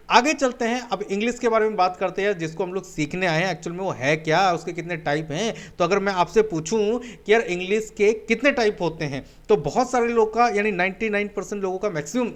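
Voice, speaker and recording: This webinar lesson on spoken English features a high-sitting male voice with an Indian accent. Switching between Hindi and English, he keeps calling listeners "my dear friend" and answers his own rhetorical questions.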